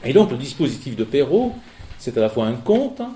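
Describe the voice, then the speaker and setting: A male teacher reading a fairy tale aloud with an expressive, animated delivery, then lecturing about it. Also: mid-range voice, brisk, reverberant, a little hiss or hum.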